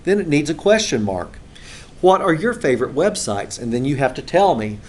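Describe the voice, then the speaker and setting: A man's voice: a little high, big pitch swings, moderate pace, darkish tone, slight background noise. Man teaching a class, conversational, lots of filler sounds, classroom recording. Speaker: instructor. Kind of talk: classroom lecture.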